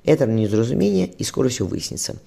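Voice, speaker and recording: A man reading a brave, practical woman who is a ship's surgeon and mother, calm and caring, in a spoken storybook. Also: medium pitch, fast, creaky, exaggerated voice. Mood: tender.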